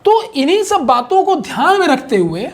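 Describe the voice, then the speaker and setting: A man's voice: very high-pitched, sing-song, normal speed, a little hiss or hum. A male chemistry teacher giving a casual online exam-prep lecture, chatty, repeating key points and checking in often with his students.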